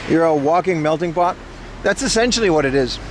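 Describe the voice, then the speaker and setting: A man with a fairly high voice and an American accent rambles casually to his livestream viewers. He is playful and slangy. Clear street noise and passing cars sit behind him outdoors. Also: lively intonation, fairly quick. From Aruba. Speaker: livestream host. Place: outdoors in a rural Japanese town on a rainy day. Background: traffic and outdoor ambience.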